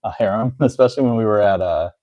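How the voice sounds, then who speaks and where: A man's voice: fairly low pitch, fast talker, dark tone. A man co-hosting a live stream, reading viewer questions aloud and laughing a lot. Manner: reads chat comments aloud, laughs a lot. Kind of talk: casual live-stream chat.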